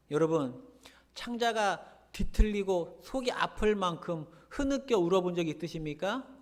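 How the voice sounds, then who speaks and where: A male pastor preaching a sermon, earnest, driving his points home by repeating key phrases. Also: sits high. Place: church sanctuary. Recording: long church hall reverb.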